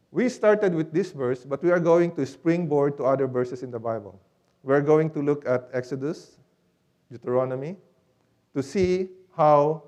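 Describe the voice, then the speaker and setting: A man in a church delivers a teaching sermon at a mid-range pitch. He moves through his points one by one and stops often to put questions to the congregation. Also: mellow. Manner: teaching step by step, with rhetorical questions. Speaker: preacher.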